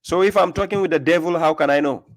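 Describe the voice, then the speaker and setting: A man's voice: on the high side, fast. Guy running a call-in debate stream, keeps pushing the caller, cuts in a lot. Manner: pressing, interrupts the caller with repeated questions. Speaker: live-stream call-in host. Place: Europe.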